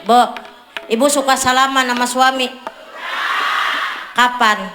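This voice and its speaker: A female Islamic preacher from Tangerang, Indonesia, speaks in a high voice with fairly even intonation and a slow pace. She delivers a humorous religious sermon at a community celebration in a neighborhood religious gathering, joking, teasing, and bantering with the crowd. The sound-system recording is echoey and noisy.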